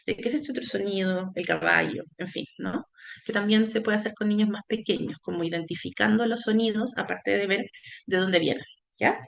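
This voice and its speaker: A woman's voice: mid-range voice, brisk, vocal fry. A woman lecturer explaining early childhood language teaching in a workshop, often checking in with her listeners as she goes. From Chile. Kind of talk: recorded teacher-training workshop talk.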